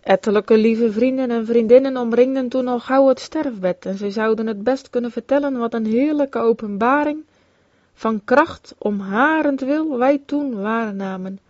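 A woman reads a religious memoir aloud, measured and solemn, her voice a little high. The recording is dull and lo-fi, with a dry, close sound and no room echo. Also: a little mellow.

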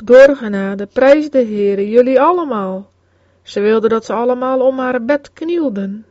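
A woman's voice: on the high side, darkish tone, dry recording, muffled recording. Woman reading a solemn devotional story. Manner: solemn, slow in quoted prayers. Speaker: reader.

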